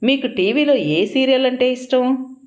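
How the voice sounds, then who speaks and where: A woman's voice: high voice, moderate pace, voice pushed up, close to an everyday voice. A woman voicing a bossy, hot-tempered young husband. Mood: eager. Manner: scolding, shouting.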